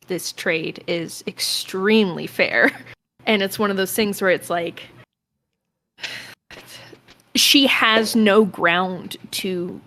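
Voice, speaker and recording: A woman's voice: fairly low pitch, pushed and bright. A woman playing a tabletop role-playing game, chatting casually and rambling with lots of fillers. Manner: rambling, with many fillers and restarts.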